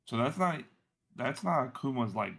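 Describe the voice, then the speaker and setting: A man's voice: medium pitch, animated, moderate pace, vocal fry, fairly bright tone. A man reacting with short murmured comments, heard off-mic from a distance.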